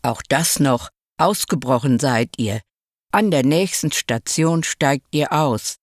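Gruff impatient conductor man, a lady reads him, low and slow, storybook. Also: animated, no room sound, clean studio sound, full character voice. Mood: stern. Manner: stern, impatient.

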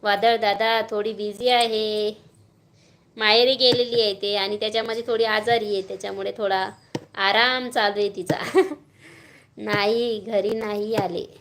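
A woman's voice: medium pitch, fairly even intonation, unhurried, a bit bright. A woman with a Marathi accent chatting casually on a live stream at home, greeting viewers by name and coaxing a small child.

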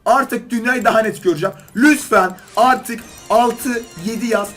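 A man doing excited gaming commentary as a YouTuber, pleading with and scolding the game while opening loot boxes. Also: very high voice, normal speed, soft background music.

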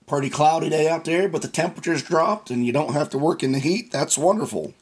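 A man with a slightly high voice narrates his scratch-off ticket vlog casually. Having lost his voice, he sounds hoarse and raspy, and he goes slowly and plainly, calling out each number one at a time.

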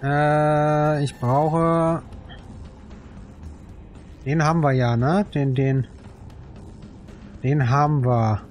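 A middle-aged man with a slightly high voice streams a strategy game. He mutters short, casual remarks to himself, with faint game music behind him. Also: fairly even intonation, very slow, pauses often, darkish tone. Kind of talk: casual live let's play commentary. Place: indoor room, webcam stream.

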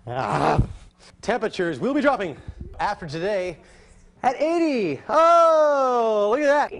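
A man giving a live TV weather forecast in an excitable way, exclaiming and repeating himself. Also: high voice, takes it slowly.

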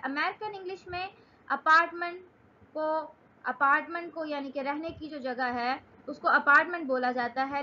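A young Pakistani woman teaching English in an online lesson. She reads English definitions out slowly and then explains them in Urdu. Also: high voice, pushed and bright, muffled recording.

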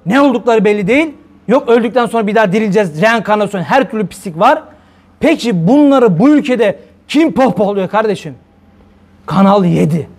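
Guy preaching all fired up, really high voice, keeps asking the crowd questions. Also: animated, fairly quick, darkish tone. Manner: rhetorical questions, heated and indignant. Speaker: religious preacher. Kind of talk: fiery religious talk to viewers.

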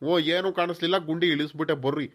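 Man playing a cocky young village biker, quick and high, cartoon. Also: fairly even intonation, lightly acted. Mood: reassuring. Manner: breezy, reassuring.

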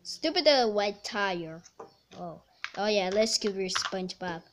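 A woman rambling through an improvised toy play narration, bursting into loud excited shouts. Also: mid-range voice, a little slow, loud music behind the voice. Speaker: toy video maker.

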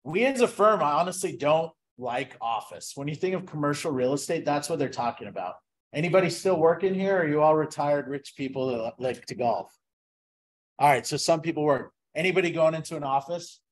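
A man's voice: a little high, lively intonation, brisk, a little hiss or hum. Man quizzing a live audience. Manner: engaging, asks the audience lots of questions. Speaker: guest speaker, investment presenter. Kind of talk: interactive sales presentation. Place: event venue with a live audience.

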